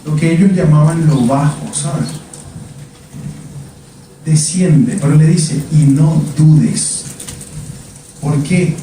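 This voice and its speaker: A man's voice: a little high, slow pace, pauses often, warm tone, slight background noise. A male preacher delivering a sermon in a church. He speaks emphatically, repeating words and asking the congregation questions. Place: church sanctuary. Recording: echoey church from a distance.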